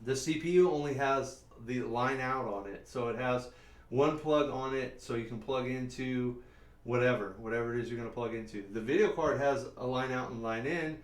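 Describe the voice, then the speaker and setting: Chatty man streaming from a roomy workshop. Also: medium pitch. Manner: rambling and chatty, talks to viewers' comments. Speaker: PC modding live streamer. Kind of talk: casual live-stream chat. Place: warehouse workshop. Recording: roomy sound, mic at a distance.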